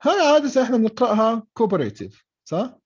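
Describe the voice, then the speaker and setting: A man's voice: high voice, lively intonation, normal speed, a little mellow. Guy teaching english online, keeps saying okay?, muffled lo-fi audio. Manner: mixes English and Arabic, frequent "okay?" checks. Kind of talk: online class explanation. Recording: dull lo-fi online call audio.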